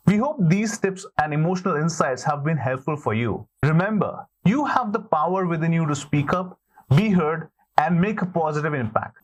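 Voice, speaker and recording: A man presenting scripted motivational advice as a video coach, with an encouraging, earnest manner and deliberate emphasis. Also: fairly high pitch. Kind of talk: scripted motivational instruction to camera.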